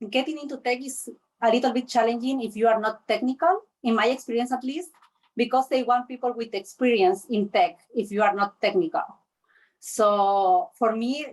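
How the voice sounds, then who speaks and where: Chilean woman, high-pitched and unhurried. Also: poor audio. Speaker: panelist. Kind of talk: online panel talk.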